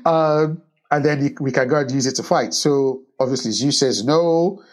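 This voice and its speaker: A man with a husky voice recapping a film in casual chat, halting with many restarts. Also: medium pitch. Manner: halting, many restarts and ums, animated when joking. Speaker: podcast co-host recapping a film. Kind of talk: casual movie discussion.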